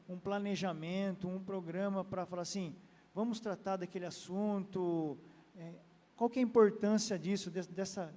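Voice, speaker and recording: A man's voice: sits high, dark tone, long reverb tail. A man with a Brazilian Portuguese accent, hosting a church program, relaying viewer questions hesitantly with many fillers. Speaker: program host.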